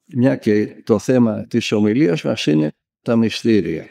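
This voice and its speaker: A man's voice: mid-range voice, vocal fry, mellow, no room sound, clean studio sound. A man from Greece, a monk and spiritual elder, preaching a sermon and telling stories vividly, acting out the people he quotes. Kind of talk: spoken sermon.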